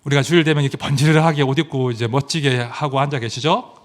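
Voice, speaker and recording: A middle-aged man preaching a sermon as pastor, emphatic and animated, swinging from loud exclamations to quiet asides and asking rhetorical questions. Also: medium pitch, fast. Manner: asks the congregation rhetorical questions.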